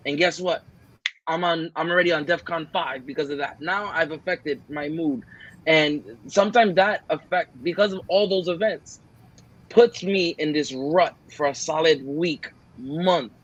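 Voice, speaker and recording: An earnest man co-hosts a casual podcast, his voice sitting a little high for a man. He rambles through his points and acts out the lines he quotes. The sound is a bit muffled and lo-fi. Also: measured pace, fairly bright tone. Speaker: podcast co-host.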